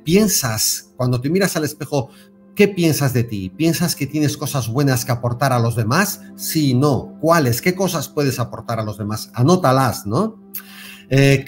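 A man with a Spain Spanish accent gives a spiritual self-help talk to camera, lively and repetitive, often checking in with his listeners. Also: medium pitch. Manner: animated, repeats words and stresses with tag questions. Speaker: self-help video host.

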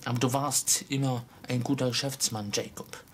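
A man's voice: mid-range voice, steady tone, moderate pace, slight background noise, lightly acted. A man reading the part of a cold old miser who now pleads, trembling. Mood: frightened, pleading.

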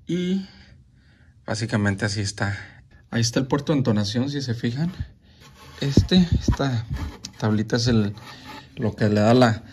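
A man with a Mexican Spanish accent talks in a mid-range voice through a casual show-and-tell of sound gear. His delivery is relaxed and chatty. He stops and restarts his phrases often as he handles the equipment. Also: mid-range voice.

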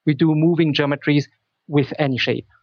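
A man's voice: a little high, steady tone, normal speed, no room sound, dull audio. A man from Switzerland whose first language is Swiss German, speaking English as a company founder in a technical interview. He talks carefully, often repeating words while he searches for the right phrasing.

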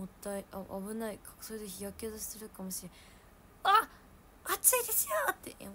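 A woman's voice: mid-range voice, slight background noise. Chatty young woman with Hiroshima dialect. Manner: chatty, laughs at herself, loud when acting out quotes. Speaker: idol livestream host. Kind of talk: casual livestream chat.

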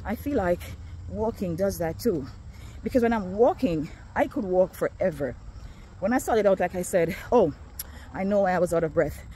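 A woman's voice: on the low side, expressive, moderate pace, warm tone, slight background noise. A woman from Jamaica, chatting casually to viewers on a phone while walking outdoors, a little out of breath. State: slightly out of breath. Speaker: vlogger. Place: outdoors on a neighborhood street.

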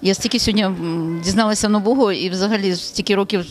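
A woman's voice: medium pitch, fast talker, faint music behind. A woman giving talkative, appreciative feedback after a cooking class. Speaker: master class participant. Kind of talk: casual spoken feedback.

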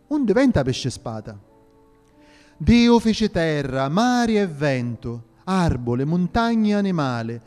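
A jolly old Sicilian storyteller, as a man puts him on, spinning a sing-song folk tale with a lilting, playful lift and a lively rise and fall. His voice sits warm and mellow, carried in a reverberant hall with faint music underneath. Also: on the high side.

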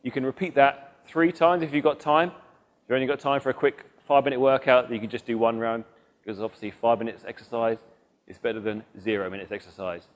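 A man's voice: medium pitch, steady tone, brisk. A man in his thirties, a fitness coach talking through exercises as he demonstrates them in a large indoor gym, on a lapel mic. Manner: instructive, demonstrates moves while talking. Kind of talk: workout demonstration.

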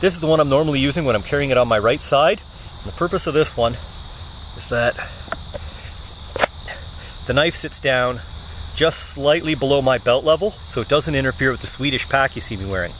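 Seated on the woodland floor, this young bushcraft vlogger chats to the camera in a relaxed, plain-spoken show-and-tell, often saying "uh." His medium-pitched voice moves a little fast but breaks into long pauses. The close camera mic captures the outdoor audio along with insect noise and crickets.

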